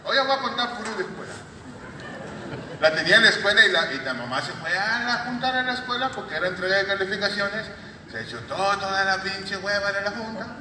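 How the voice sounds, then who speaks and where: A Mexican man doing stand-up comedy, telling crude jokes deadpan and landing them with a catchphrase. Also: sits high, fairly quick, a little hiss or hum. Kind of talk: stand-up joke telling on stage. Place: large auditorium. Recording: echoey hall audio from far off, loud crowd.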